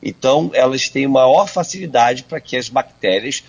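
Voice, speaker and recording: A man's voice: medium pitch, animated, vocal fry, husky. A man answering radio interview questions as a urologist, talking over a landline phone and often stopping and restarting. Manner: halting, many filler sounds and restarts. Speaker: urologist guest. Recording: dull lo-fi phone line.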